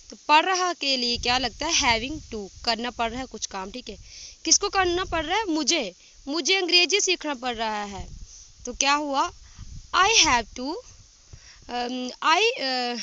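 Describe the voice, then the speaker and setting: A woman teaching simple English sentences outdoors, reading each sentence and then saying it slowly in English. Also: high voice, bright, forceful tone, highs cut off. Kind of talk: casual spoken English lesson. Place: outdoors in windy fields while grazing cattle. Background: wind and rural outdoor sounds.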